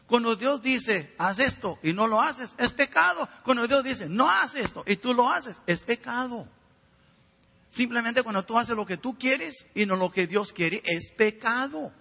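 A man's voice: very high voice, bright, forceful tone, big-room sound. A man preaching a sermon with fervor, often turning to ask the listeners direct questions.

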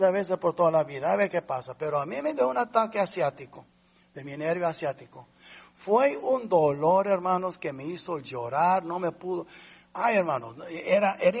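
A man's voice: high voice, breathy edge. A man preaching a sermon in a conversational, emotional way, calling his listeners brothers and asking them rhetorical questions. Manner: asks rhetorical questions to the congregation; emotional, varied delivery. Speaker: pastor.

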